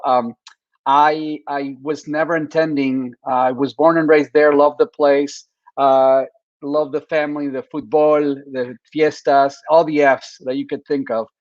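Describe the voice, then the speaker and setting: A middle-aged man from Mexico with a Mexican accent, whose first language is Spanish, telling his story as a guest speaker in a humble, halting way. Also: mid-range voice, little pitch movement, dry recording, dull audio. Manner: humble, restarts often. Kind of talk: casual conversational storytelling.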